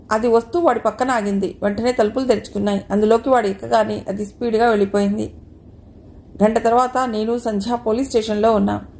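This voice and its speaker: A woman narrates an audiobook novel at an even storytelling pace. Her voice sits a little high and sounds mellow and soft-edged, with a faint hiss under it. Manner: calm, steady storytelling. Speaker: audiobook reader.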